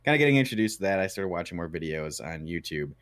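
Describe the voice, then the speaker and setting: A man's voice: low voice, very animated, fast talker, fairly bright tone, no echo, studio quality. A man, the guest in a casual interview, joking and rambling as he tells his story. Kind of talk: casual chat.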